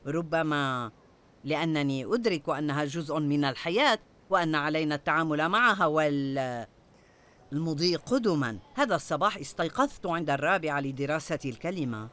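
An older woman delivers a sermon to a congregation. Her pitch swings widely and animatedly, and she keeps turning to her listeners with rhetorical questions. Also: expressive, a little fast, a bit bright. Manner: asks the audience rhetorical questions. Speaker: preacher.

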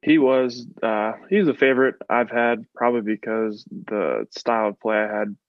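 Young male coach from the West Coast, low, even voice, slightly dull line sound. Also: normal speed, no room sound. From West Coast of the United States. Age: 20s. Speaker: football coach. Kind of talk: interview answers.

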